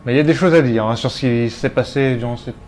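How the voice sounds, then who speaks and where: A man's voice: mid-range voice, fast talker, darkish tone, a little hiss or hum. A man giving casual video game commentary, thinking aloud as he plays. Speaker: let's player.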